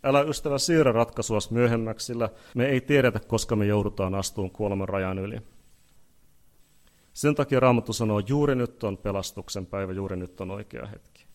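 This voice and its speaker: A man preaching an evangelistic sermon, pleading earnestly with listeners, repeating phrases and building to loud peaks before leading a prayer. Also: on the low side. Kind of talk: leads a spoken prayer.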